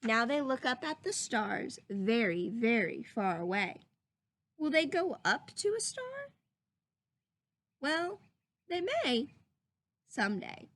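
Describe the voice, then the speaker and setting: Her voice a little high, a woman delivers a picture book to young listeners with a teacher's liveliness, drawing words out and pausing to ask them questions.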